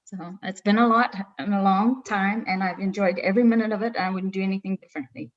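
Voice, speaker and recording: A middle-aged woman with a South African accent, a travel advisor answering interview questions in a warm way, laughing easily. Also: mid-range voice, fairly even intonation, quick pace, dull audio.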